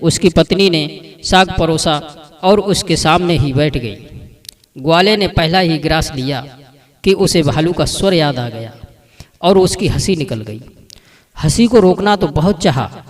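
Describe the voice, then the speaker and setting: A man narrating a folk story in a plain, steady storytelling manner. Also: a little high, unhurried, distant mic.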